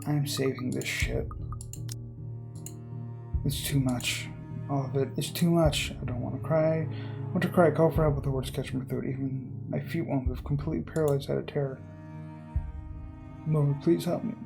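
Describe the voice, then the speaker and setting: Hosting a game video, a man reads visual novel text aloud dramatically, adding casual commentary and stumbling now and then as game music plays. His mid-range voice is creaky and steady in tone, moving at a moderate pace with frequent pauses.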